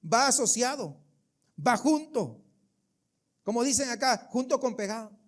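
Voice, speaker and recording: A pastor with an unusually high-pitched man's voice, delivering a sermon in church. He talks emphatically and keeps throwing questions at the congregation. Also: expressive, measured pace.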